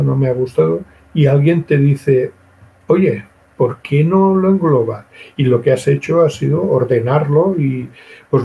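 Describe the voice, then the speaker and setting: A man being interviewed as a guest writer, talking in a halting way, full of restarts. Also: mid-range voice, gravelly, warm tone, a little hiss or hum, rough recording. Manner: halting, with many fillers and restarts. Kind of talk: casual interview chat.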